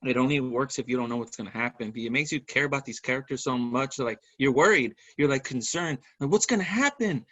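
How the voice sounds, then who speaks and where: A man hosting a podcast, telling stories in a lively, casual way and swearing freely. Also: medium pitch, fast talker, few pauses, dry recording. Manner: animated storyteller, swears freely. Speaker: podcast host. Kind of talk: casual chat.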